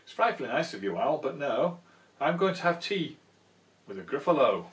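Man voicing a small boastful storybook mouse, animated. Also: a little high, normal speed, distant mic. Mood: polite.

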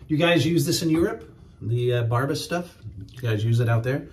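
Slight background noise accompanies a middle-aged wet shaving YouTuber who talks casually to his audience while shaving in his home shave room indoors. His voice is mid-range and his pace moderate throughout the demo chat.

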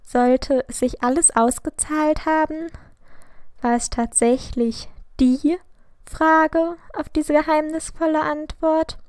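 A woman reading a fan fiction story aloud in a slow, dramatic storybook narration. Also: high-pitched, little pitch movement, darkish tone, no room sound, clean studio sound.

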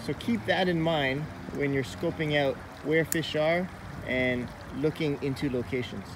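A man in his thirties talks straight to a handheld camera at arm's length, upbeat and explanatory as he teaches a fishing technique. His voice sits fairly high for a man. Faint outdoor stream noise runs behind him by a wooded creek. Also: measured pace. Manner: upbeat, explanatory, talking to camera while walking. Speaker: fishing vlogger host. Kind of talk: outdoor fishing tutorial vlog. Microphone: phone or camera at arm's length.

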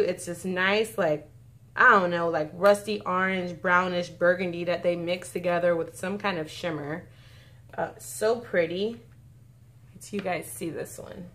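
A woman's voice: medium pitch, a bit bright. A woman chatting casually in a beauty haul video, gushing and often saying y'all. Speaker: beauty vlogger.

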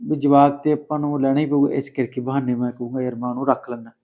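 A man speaks in a coaxing, sweet-talking way. His voice sits at a middle pitch. The sound is dull and lo-fi. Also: completely flat delivery, fast. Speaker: actor playing a married man courting another woman. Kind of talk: Punjabi short film acting.

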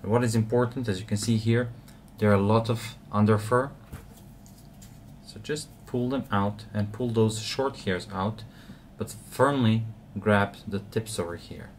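In this step-by-step tutorial, a man with a low voice walks through fly tying at a measured pace. He sounds relaxed and explanatory, often saying "uh," with a bit of noise in the background.

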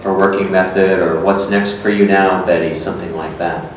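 Lightly acting, a low-pitched man reads at a moderate pace with a steady tone, taking the part of a musing, matter-of-fact character in a two-person literary script. A stand microphone records him from afar in an echoey gallery room with hard walls, and faint noise is audible.

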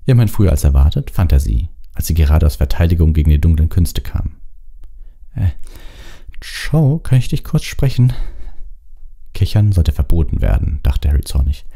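A man reading a storybook audiobook aloud, expressive, with occasional slips and restarts. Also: a bass voice, vocal fry. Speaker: audiobook reader.

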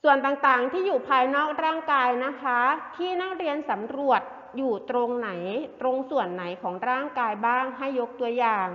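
High-pitched lady teacher talking slow to little kids, spells stuff out, dull echoey recording. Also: animated. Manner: spells words out syllable by syllable, mixes in English words. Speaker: primary school teacher. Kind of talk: slow online lesson for young children. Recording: dull lo-fi sound with long reverb.

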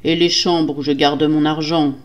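Loud growling villain husband in a fairy-tale reading, voiced by a woman, slow, menacing threats. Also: sits high. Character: cruel menacing nobleman husband, murderous. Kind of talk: storybook reading.

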